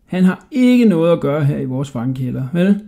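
A man's voice: fairly high pitch, very animated, gravelly, warm tone. A man voicing a cheeky, clever young boy in a storybook reading. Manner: cheeky, teasing.

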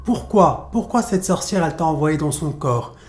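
A man's voice: on the high side, lively intonation, normal speed, reverberant, natural voice. A man storyteller voicing a stern imam who firmly questions and threatens a spirit. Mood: questioning. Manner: firm, commanding, threatening. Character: stern male imam performing an exorcism.

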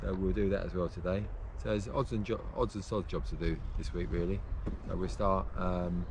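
Speaking at a normal pace in a low voice, a man from England in his fifties runs a casual gardening channel. Out on his allotment and in the polytunnel, he chats easily, uses fillers while thinking aloud, and explains every task over a noisy background.

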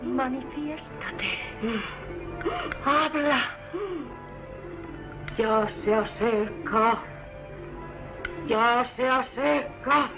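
An actress playing a middle-aged seance medium, giving solemn, incantatory commands in 1940s film style. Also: female voice, a little high, extremely slow, long pauses. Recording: dull 1940s film soundtrack with music.

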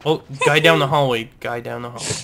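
Excitable young man playing co-op. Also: medium pitch, a little fast, creaky. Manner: excitable, drops to a whisper while sneaking. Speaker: gaming co-host. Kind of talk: casual co-op gameplay commentary.

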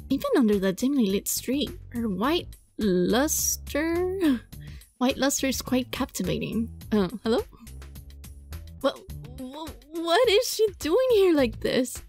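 A woman with a high-pitched, slow voice hosts a gaming video, reading a visual novel aloud in an expressive, dramatized way. She drops in casual, giggly reactions, and game music plays behind her.

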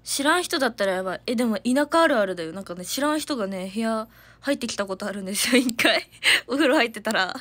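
A woman's voice: fairly high pitch, animated, fast talker, fairly bright tone. A young woman, chatting casually and giggling on a livestream from her family home, reading out viewer comments. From Hiroshima, Japan. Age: young adult. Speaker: idol livestreamer.

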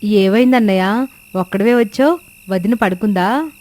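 A woman's voice: medium pitch, moderate pace, darkish tone, a little hiss or hum, close to an everyday voice. A woman playing Sukanya, devoted farmer's wife. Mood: concerned. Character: caring village farmer's wife, anxious, devoted. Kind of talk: storybook cartoon voice acting.

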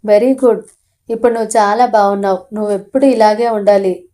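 A woman narrator voicing a lively, chiding young girl raised in a town, in an audio storybook. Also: medium pitch, fairly quick, lightly acted.

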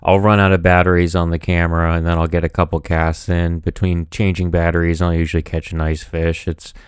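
A man calmly narrating a voice-over recap of his fishing day. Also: low-pitched, brisk, clear, resonant tone, no room sound, clean studio sound. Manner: calm, matter-of-fact recap. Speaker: video host.

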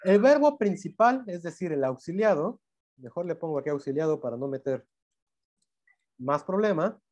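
A university language teacher with a Mexican Spanish accent lectures on grammar, working step by step, often correcting himself and asking whether listeners follow. His voice is a little high and a little mellow, with lively intonation at a normal speed.

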